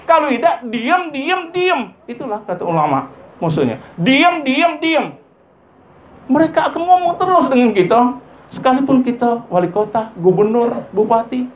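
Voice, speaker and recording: A man giving a sermon, his voice jumping high for emphasis as he acts out everyday family dialogue. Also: normal speed. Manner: lively pitch leaps, acts out dialogue of parents and children. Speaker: preacher. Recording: dull lo-fi recording with faint ambient noise.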